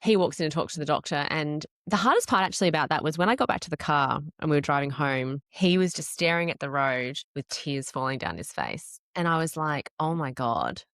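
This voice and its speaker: A woman in her late thirties telling her personal story as a podcast guest, candid and animated, swearing casually. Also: low-pitched, a little fast, few pauses, no echo, clean studio sound. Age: 30s.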